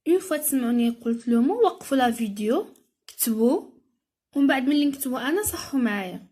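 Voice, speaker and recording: A woman with a Moroccan accent, explaining a French lesson and reading sentences slowly and carefully, as in a dictation. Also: sits high, lively intonation, mellow. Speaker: teacher.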